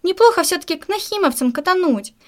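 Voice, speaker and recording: A woman's voice: very high voice, expressive, quick pace, voice pushed up. A woman voicing an eager young boy in a storybook who keeps pestering with wheedling, insistent requests. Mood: pleading.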